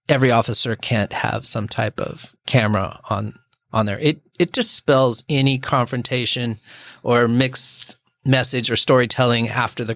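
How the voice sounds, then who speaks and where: A man's voice: medium pitch, vocal fry, a bit bright, no room sound, studio quality. A man hosting a conversational podcast, chatty and opinionated, asking long, winding questions of his guest. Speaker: podcast host. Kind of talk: conversational interview.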